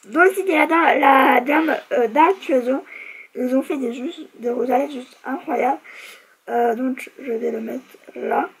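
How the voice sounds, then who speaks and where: A woman's voice: high voice, measured pace, gravelly, poor audio. A young woman vlogger chatting casually through a beauty product review, chatty and self-mocking, with lots of fillers.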